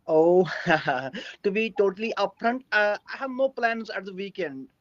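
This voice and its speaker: A man's voice: high-pitched, expressive, a bit bright, no echo, muffled recording. A young man from Kashmir with a Kashmiri Indian accent, speaking hesitantly in an English practice conversation. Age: young adult. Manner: hesitant, halting. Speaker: English learner.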